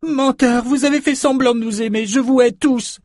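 A man's voice: extremely high pitch, fairly even intonation, moderate pace, a little mellow, dry recording, studio quality, pitched above the performer's own voice. Samantha, a man voicing a raging young sorceress. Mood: furious. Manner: screaming accusations, seething. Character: furious young female magician, grief-stricken. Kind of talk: audiobook character voice.

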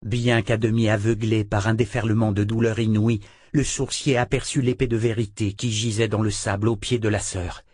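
Man reading a fantasy audiobook, lowish voice, dry close mic, slow dramatic telling. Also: level tone, a little mellow, slightly rough, dry recording. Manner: measured, dramatic storytelling. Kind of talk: audiobook narration.

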